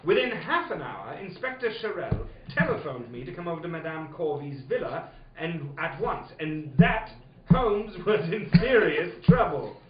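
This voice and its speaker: An anxious gentleman doctor acted by a man in a comic radio play, theatrical and exasperated. The voice is high and very animated, caught in a roomy, dull-sounding recording. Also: normal speed, close to an everyday voice. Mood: grave, dramatic. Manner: theatrical, melodramatic narration. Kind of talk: comic old-time radio drama acting.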